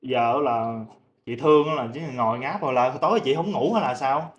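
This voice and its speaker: A man at a mid pitch hosts a charity vlog. He asks gentle, polite questions and speaks in a soft, respectful way. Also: normal speed, dull audio. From Vietnam. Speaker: vlog host interviewing a family.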